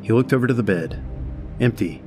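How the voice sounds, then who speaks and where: A man giving a measured, dramatic scripted horror narration. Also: on the low side, music in the background.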